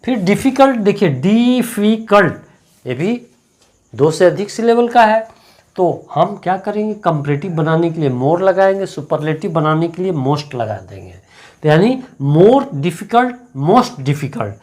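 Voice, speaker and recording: Slow, deliberate Hindi-accented teacher. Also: male voice, sits high, lively intonation, a little mellow. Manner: slow, deliberate, repeats words to drill them. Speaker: English teacher. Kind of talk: classroom grammar lesson.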